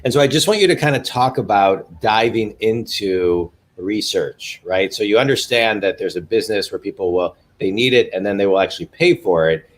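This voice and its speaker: Forties male host, lowish voice, eager and repetitive, interviewing over a video call. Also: moderate pace, few pauses. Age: 40s. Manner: eager, repeats words when starting a thought. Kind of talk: livestream business interview.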